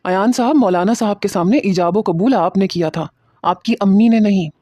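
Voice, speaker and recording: A man voicing a defiant, sharp-tongued young bride who scolds and threatens her new husband. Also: high voice, no echo. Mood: furious.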